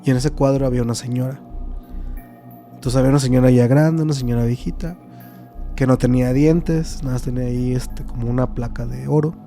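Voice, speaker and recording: Mellow-voiced Mexican man telling a story. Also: mid-range voice, fairly even intonation, brisk, faint music behind. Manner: hesitant, frequent fillers. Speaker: podcast guest. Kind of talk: casual storytelling.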